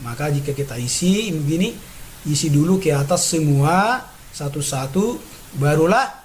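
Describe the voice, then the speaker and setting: A man teaches chemistry in a patient classroom manner, walking through each step and checking in often. His voice sits a bit high for a man. A faint noise runs under the recording. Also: low-quality recording. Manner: patient, repeats steps, frequent "ya" and "nah" checks. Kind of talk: classroom lesson explaining on a board.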